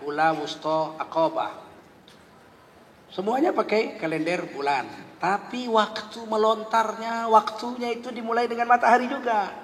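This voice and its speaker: Male preacher, high voice, storytelling sermon, acts out dialogue, echoing hall. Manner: lively anecdotal telling, acting out both sides of dialogue. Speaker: Islamic preacher. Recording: long hall reverb, faint background noise.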